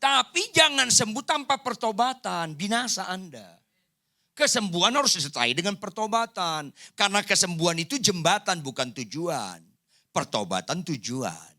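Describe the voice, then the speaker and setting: A man's voice: high voice, normal speed. A man preaching a sermon as pastor in a church hall, joking and acting out the people in his stories. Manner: animated joking preacher, acts out voices.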